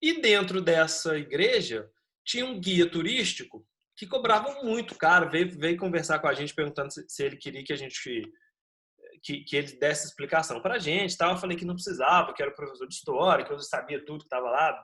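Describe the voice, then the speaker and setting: A man's voice: on the high side, brisk. A man who teaches history, telling his students a funny class-trip story before going back to the lesson. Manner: lively anecdote with acted quotes and laughter.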